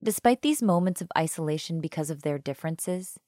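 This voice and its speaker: A woman's voice: low-pitched, expressive, brisk, darkish tone, no room sound, clean studio sound. A woman narrating a scripted documentary voice-over with a polished delivery.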